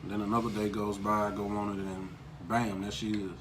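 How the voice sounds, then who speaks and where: A man speaks in a fairly low voice, relaxed and slangy, joking as he tells a story. A clear hiss of noise runs under the recording. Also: fairly quick. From Memphis, USA. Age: 20s. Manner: laid-back, slangy, joking. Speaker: vlogger's husband. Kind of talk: casual storytelling. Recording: noticeable background hiss.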